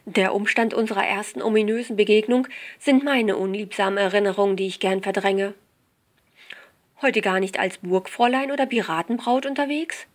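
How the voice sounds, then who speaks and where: A woman reading the lines of a calm, guarded male police commissioner in a story. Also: medium pitch, normal speed, lightly acted. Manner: calm, brief replies.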